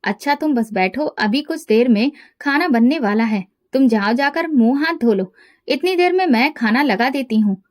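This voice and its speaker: Storybook mother, middle-aged, reproachful and lecturing, as read by a high-voiced woman. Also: lively intonation, moderate pace. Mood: scolding. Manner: chiding, reproachful. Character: middle-aged mother, scolding but caring.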